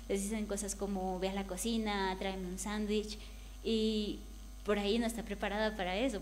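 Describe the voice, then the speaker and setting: A woman speaks candidly in a panel discussion, even in pitch, conversational, now and then lively as she quotes others. A faint hum sits under her voice. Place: event hall.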